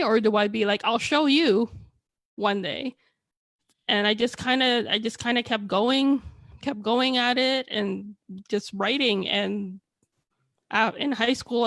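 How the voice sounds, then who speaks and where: She is an author chatting casually over video, her first languages a Chinese dialect and Tagalog, and she rambles candidly through her story. The voice sits a little high and a bit bright, with no room sound.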